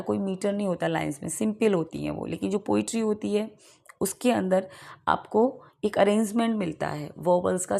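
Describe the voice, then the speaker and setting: An Indian woman teaching English literature for an exam, with a gravelly, creaky edge to her mid-pitched voice. She reads each question out slowly, then explains it in easy conversational Hindi. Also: darkish tone. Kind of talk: exam-prep lecture.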